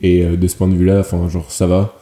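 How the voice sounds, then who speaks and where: A man's voice: low voice, completely flat delivery, quick pace, dark tone. A man co-hosting a casual podcast, explaining his ideas in a thoughtful, hesitant way. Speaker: podcast co-host. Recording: roomy echo.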